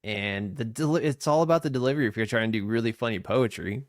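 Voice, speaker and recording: A man's voice: medium pitch, no room sound, clean studio sound. Chatty, laughing podcast co-host man. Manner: chatty, laughs often, quick asides. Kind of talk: casual reaction chat.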